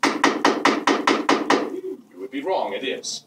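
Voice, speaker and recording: A man's voice: medium pitch, very animated, slow pace, heavy background noise. A man performing as a stage magician, with playful, teasing banter toward a volunteer. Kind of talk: live stage magic patter. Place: live stage before an audience. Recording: echoey stage sound from far off with loud ambience.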